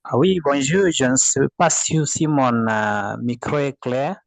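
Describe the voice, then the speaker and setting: A man's voice: medium pitch, animated, measured pace, vocal fry, no room sound. A man with a Kenyan accent, a teacher sharing his classroom experience over a video call, speaking carefully and hesitantly. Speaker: participating teacher.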